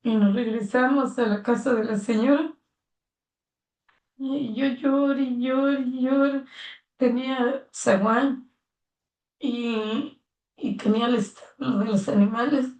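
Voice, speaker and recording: Una mujer mayor con acento mexicano relata con sentimiento los recuerdos de su vida, dando voz a los diálogos que recuerda. Su voz es algo aguda y suena apartada del micrófono, en una sala con eco. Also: female voice, on the high side, steady tone, slow, pauses often, darkish tone. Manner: earnest and heartfelt, acting out remembered dialogue. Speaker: interviewee, mother of the interviewer. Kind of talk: personal life story told in conversation. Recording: roomy sound, mic at a distance.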